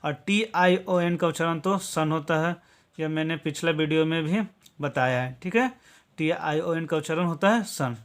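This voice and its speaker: A man's voice: on the high side, normal speed. A man from Bihar, India, teaching English to viewers in a patient, step-by-step classroom style, checking in with 'okay?' after nearly every point. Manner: patient step-by-step explaining, tags many lines with 'okay?'.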